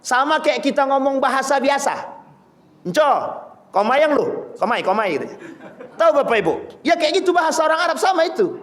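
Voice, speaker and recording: High voiced guy preaching to a crowd, lively storyteller, does little voices for people. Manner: addresses audience directly as Bapak Ibu. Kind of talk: sermon.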